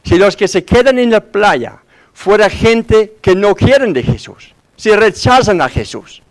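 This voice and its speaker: Male pastor, slightly high voice, conversational sermon full of rhetorical questions. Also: expressive, unhurried. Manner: conversational preaching with frequent rhetorical questions to the congregation; acts out quoted voices in his story.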